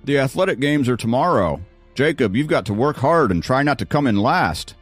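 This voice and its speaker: A man's voice: medium pitch, big pitch swings, normal speed, slightly rough, soft background music, voice pushed up. A man doing a teasing young roommate. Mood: encouraging. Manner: encouraging, teasing. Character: encouraging young male dorm roommate.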